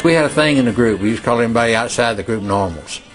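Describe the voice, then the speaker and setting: Wry older man with a lively voice. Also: medium pitch, very fast, music in the background. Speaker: interviewee. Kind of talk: documentary interview.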